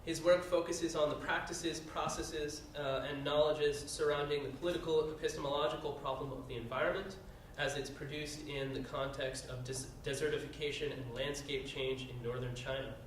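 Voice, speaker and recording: A man with a voice on the high side reads speakers' bios aloud while moderating a conference panel, often saying "uh." He keeps a moderate pace and fairly even intonation, and the recording is distant and very echoey, with slight background noise.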